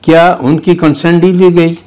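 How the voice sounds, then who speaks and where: A man's voice: a little high, flat delivery, moderate pace, darkish tone. An older man with a Pakistani Urdu accent, a lawyer guest arguing legal points in a studio news interview. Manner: argumentative, legalistic, with restarts.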